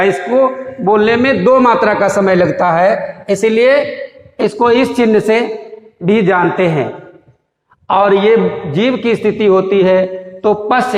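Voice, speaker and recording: Male grammar teacher, high voice, patient and repetitive, sounding out each vowel; echoey room with a long tail. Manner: demonstrates vowel sounds aloud, repetitive and explanatory. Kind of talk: classroom lesson explaining vowel sounds.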